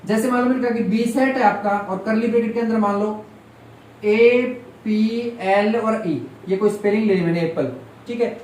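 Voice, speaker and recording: A man's voice: sits high, normal speed, a little mellow. Man teaching in an echoey classroom. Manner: keeps quizzing the class, repeating key terms. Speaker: maths teacher. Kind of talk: classroom lesson with call-and-response questions. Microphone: distant room mic. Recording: echoey room, voice from far off, faint noise.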